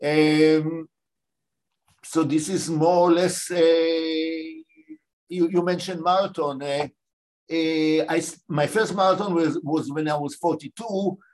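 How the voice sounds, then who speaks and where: Older man from Israel, measured. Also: on the high side, steady tone, a little mellow. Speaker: guest. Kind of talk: interview answers.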